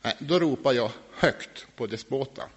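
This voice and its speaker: A man telling his personal faith testimony about his past drinking, earnest and reflective, now and then laughing softly. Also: mid-range voice, breathy edge, highs cut off. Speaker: former alcoholic sharing his faith testimony.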